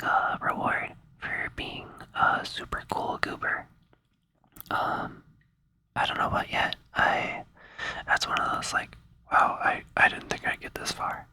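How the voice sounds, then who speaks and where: An ASMR creator rambles in a breathy whisper right up against the mic, sounding sleepy and hesitant yet playful and soothing. The delivery runs a little slow, with a bright, forceful tone.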